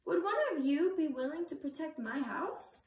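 A woman's voice: sits high, moderate pace, darkish tone, voice pushed up, lightly acted. A young woman voicing a polite, kindly male hermit crab while reading a storybook aloud, recorded from across a living room. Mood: earnest. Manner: polite, earnest asking. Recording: roomy living room from far camera.

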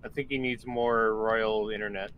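A man joining a game stream as a guest, excitable and joking, with lots of exclamations. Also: fairly low pitch, moderate pace, muffled recording, a little hiss or hum. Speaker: guest player. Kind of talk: casual gaming chat.

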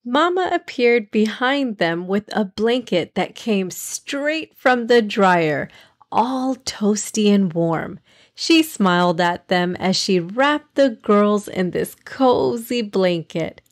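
A woman reading a children's story aloud as host of a kids' podcast. She takes a slow, unhurried pace and shapes each line expressively, her pitch medium. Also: expressive. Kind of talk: storybook narration.

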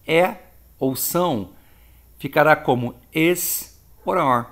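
A man from Brazil teaching an English grammar lesson, lively and explanatory, slowing down to model example phrases. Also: a little high.

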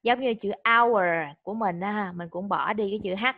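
A woman's voice: mid-range voice, fairly quick, phone-quality sound. A woman tutoring a child in English vocabulary, patient and coaxing, mixing Vietnamese and English.

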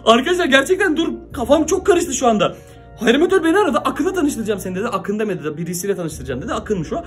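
High, fast-talking excited young man. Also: soft background music. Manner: frantic, exclaiming, confused. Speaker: YouTuber. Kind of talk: excited vlog talk to viewers. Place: home.

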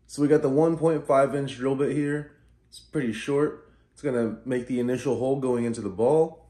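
A man in his thirties hosts a casual explainer vlog from a living room, speaking informally and matter-of-factly. His voice is mid-range and mellow.

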